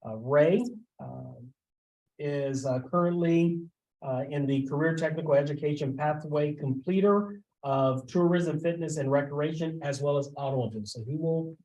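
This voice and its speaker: A man, a school administrator, giving a formal report at a board meeting and often pausing on filler sounds. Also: a little high, a little mellow, poor audio. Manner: halting, with frequent filler sounds.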